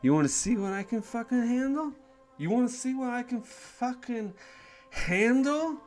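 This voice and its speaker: A man's voice: very high-pitched, lively intonation, moderate pace, a little mellow, soft background music, pitched above the performer's own voice. A man voicing a crude, belligerent drunk male guard who jeers and swears constantly. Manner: slurring, jeering, swearing constantly.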